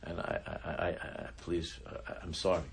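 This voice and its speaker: A man with a low voice voicing a pious male scholar who gives a halting, stammering apology. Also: little pitch movement, vocal fry, a little hiss or hum. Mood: apologetic.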